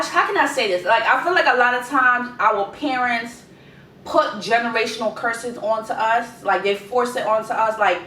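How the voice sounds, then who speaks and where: Young Guyanese-accented woman in an echoey room. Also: sharp tone. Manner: conversational, repeats key words for emphasis. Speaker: vlogger giving life advice. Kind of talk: informal advice vlog. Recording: echoey room, distant mic, rumbling noise.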